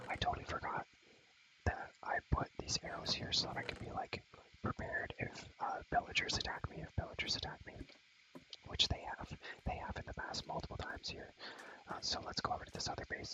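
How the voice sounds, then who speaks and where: This young man's ASMR features a breathy whisper and relaxed, slang-filled rambling as he presents a game world, softly echoing his own words. The audio quality is poor.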